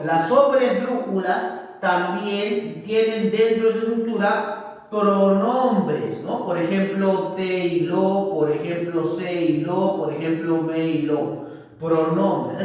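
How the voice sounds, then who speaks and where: A high-voiced man teaches a spelling lesson, recorded from far off in a very echoey room with a long, ringing reverb. He spells out syllables one by one and keeps checking in with his students. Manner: keeps checking in with tag questions, counts syllables aloud slowly.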